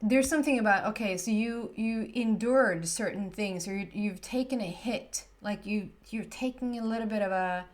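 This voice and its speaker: Medium in pitch, this tarot reader talks at normal speed with hardly any pauses. She is a Swedish native with a Swedish accent, chatty and casual, frequently hunting for the right word.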